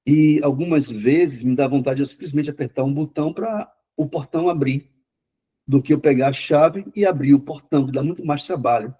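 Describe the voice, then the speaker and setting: A man lectures a class in a quick, conversational way, often repeating words to drive a point home. His voice is dark and mellow, with a slightly husky grain. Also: on the high side. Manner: says himself he talks fast. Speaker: lecturer on mental health therapy.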